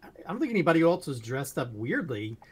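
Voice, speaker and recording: A man with a middle-pitched voice talks through his film opinions in a rambling way, restarting sentences and laughing in between. Casual podcast review talk. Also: sing-song, brisk, crowd noise.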